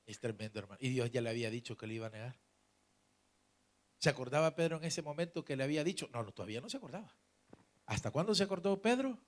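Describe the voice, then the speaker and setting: A male pastor, preaching a dramatic sermon that swings from loud exclamations to hushed asides. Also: medium pitch, expressive, fast.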